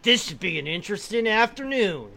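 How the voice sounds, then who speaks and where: A performer voicing a large, smug male fire dragon with a rumbling, sizing-up delivery in a story read aloud. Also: very animated, brisk, vocal fry, pushed and bright, full character voice. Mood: smug, appraising. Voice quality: deep rumbling voice. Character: large muscular masked male Charizard, smug, appraising.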